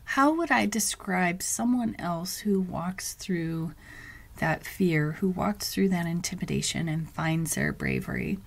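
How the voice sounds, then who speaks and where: A woman hosting her own podcast, speaking in a reflective monologue and thinking aloud with pauses and restarts. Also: fairly low pitch, big pitch swings, vocal fry. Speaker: podcast host.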